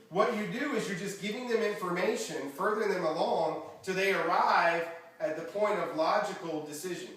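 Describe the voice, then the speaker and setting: A man giving an energetic motivational seminar talk as a network marketing trainer, quizzing the audience with questions. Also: high voice. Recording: echoey room from far off, faint background noise.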